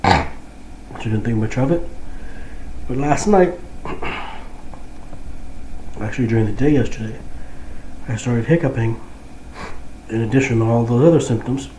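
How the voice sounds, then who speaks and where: A man's voice: mid-range voice, mellow, roomy sound, a little hiss or hum, low-quality recording. A man with a head cold and the hiccups, talking through a casual video diary at home, amused and chatty. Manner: slow, amused, chatty with restarts. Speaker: vlogger.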